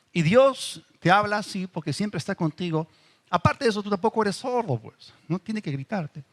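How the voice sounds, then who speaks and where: Man preaching with sweeping dynamics. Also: fairly high pitch. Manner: dynamic preaching, dropping to a hush and rising to emphatic bursts. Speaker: pastor. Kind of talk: sermon.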